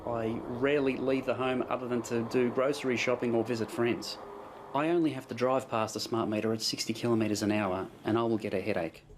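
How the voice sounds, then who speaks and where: A man's voice: mid-range voice, steady tone, fairly quick. A man giving personal testimony as a resident in an interview. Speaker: affected resident being interviewed. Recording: clear ambient noise behind the voice.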